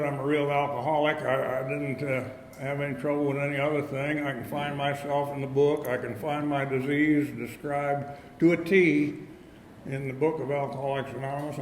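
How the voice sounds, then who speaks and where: An AA speaker in his 80s from upstate New York shares his recovery story at a meeting, speaking at medium pitch in a folksy, halting style full of fillers and restarts. A long hall reverb surrounds his voice, and faint noise sits in the background.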